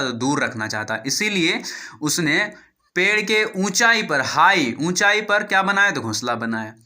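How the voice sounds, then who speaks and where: A man with an Indian accent reads an English story one phrase at a time, spells out words letter by letter and quizzes himself on the meanings. His voice is very bright and sits a little high for a man. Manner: explains slowly, asks and answers his own questions. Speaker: English teacher. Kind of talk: line-by-line reading and translation lesson.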